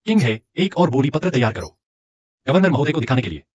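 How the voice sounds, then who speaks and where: A man's voice: mid-range voice, sing-song, fast, husky, no echo, dull audio. A man dubbing a drama, voicing an assertive husband. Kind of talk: dubbed drama dialogue.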